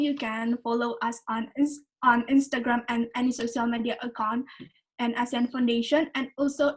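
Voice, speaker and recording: A young woman co-moderating an online session, explaining an event in a halting way that repeats words. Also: on the high side, poor audio. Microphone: video call.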